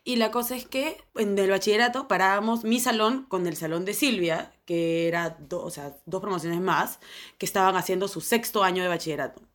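A woman's voice: mid-range voice, fairly quick, a bit bright. Slangy young Peruvian woman storyteller. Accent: Peruvian Spanish. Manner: rambling, slangy, full of fillers. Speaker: podcast co-host. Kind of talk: casual storytelling chat.

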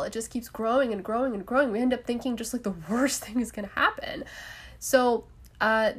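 A woman's voice: medium pitch, fairly bright tone. Chatty woman hosting a solo podcast. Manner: casual, chatty, frequent laughs and fillers. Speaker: podcast host.

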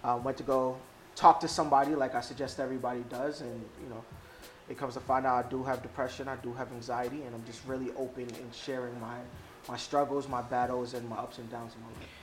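A man's voice: mid-range voice, flat delivery, fast, soft background music. A man in his thirties talking openly and informally as a guest in a casual podcast conversation. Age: 30s.

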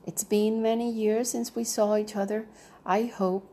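A woman's voice: medium pitch, flat delivery, a little slow, mellow. Woman reading as a fussy, reserved retired banker. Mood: hesitant.

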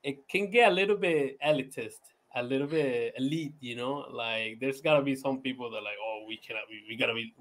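Mid-range and a bit bright, his voice moves a little fast with few pauses. A Venezuelan-born podcast guest, he's relaxed and talkative, laughing often and restarting sentences around frequent "you know"s in easygoing interview conversation.

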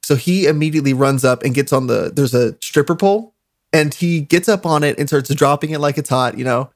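A man's voice: fairly high pitch, a little fast, no room sound, clean studio sound. A young man casually telling a story on a stream, laughing often, swearing, with lots of "like" fillers.

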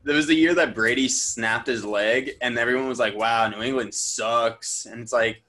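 A man co-hosting a casual podcast, relaxed and laughing between points. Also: medium pitch, fairly quick. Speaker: podcast co-host. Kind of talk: casual chat.

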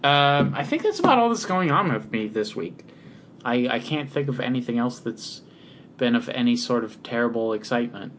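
A man from talks casually on a podcast, stumbling through ums and uhs at an unhurried pace. His voice sits in an ordinary middle range. Faint noise hums under the recording. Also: medium pitch. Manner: relaxed, hesitant with many ums and uhs. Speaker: podcast co-host and local musician.

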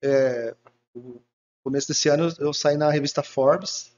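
A man's voice: medium pitch, fairly even intonation, measured pace, darkish tone. A man guest in an interview, telling his life story casually and acting out quoted dialogue. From Brazil. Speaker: entrepreneur guest. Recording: muffled lo-fi recording.

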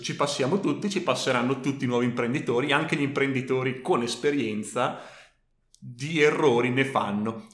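A man's voice: medium pitch, a bit bright. Podcast guy, casual but emphatic, mid voice, roomy echo from a table mic. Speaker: podcast co-host. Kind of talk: casual, colloquial advice chat. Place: room in a home. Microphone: microphone on a tabletop stand. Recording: roomy, echoey home recording.

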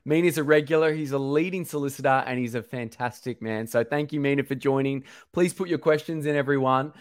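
A man's voice: mid-range voice, brisk, no echo, studio quality. Encouraging man hosting a live stream. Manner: encouraging, agreeing, reads out viewer comments. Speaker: host of a live-streamed law show.

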